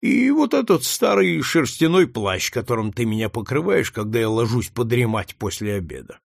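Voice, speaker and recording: A man's voice: medium pitch, big pitch swings, moderate pace, creaky, no echo, studio quality. A man reading the part of a middle-aged senator, asking blunt questions. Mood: questioning.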